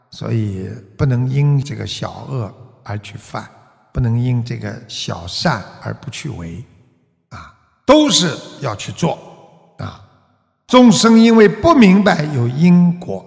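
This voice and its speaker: A man preaching a Buddhist sermon as a master, full of rhetorical questions and drawn-out "ah" particles. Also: mid-range voice, vocal fry, in a large hall.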